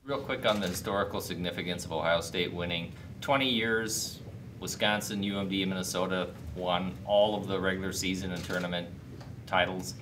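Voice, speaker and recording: A man's voice: sits low, steady tone, fairly quick. A man asking questions as a reporter at a press conference. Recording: distant mic, faint room noise.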